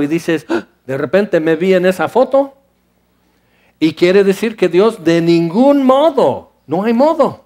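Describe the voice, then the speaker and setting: A male preacher with a voice that sits high for a man. He speaks in an animated way, acting out his listeners' voices and dropping to a hush between louder stretches. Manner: animated, acts out listeners' voices, shifts between loud and hushed. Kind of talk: sermon.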